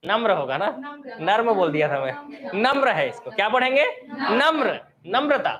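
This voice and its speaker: Against a crowd in the background, a high-pitched man runs an online exam-prep session quizzing students on word forms. Very animated and speaking at normal speed, he calls out each word, takes answers, and corrects them.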